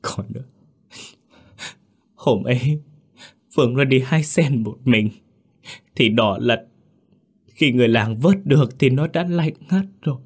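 A man's voice: deep voice, normal speed. A man voicing an older mother who is grieving and tearful, sobbing as she confesses in an audio story. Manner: sobbing, pleading.

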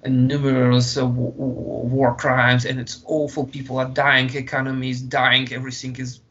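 A man from Russia with a Russian accent, speaking English in a halting way with many fillers and restarts as an interview guest. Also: medium pitch, completely flat delivery, fairly bright tone, lo-fi sound. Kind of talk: conversational interview.

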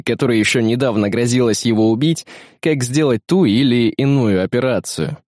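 A man reading an audiobook in steady, even scripted narration on a close mic. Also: medium pitch, dry recording.

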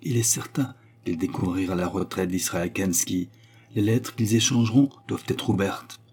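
Guy doing a gruff bossy plotter boss, husky low voice, sneery. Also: normal speed, darkish tone. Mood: scheming. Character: scheming male conspiracy chief, brusque, domineering. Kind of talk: audiobook character reading.

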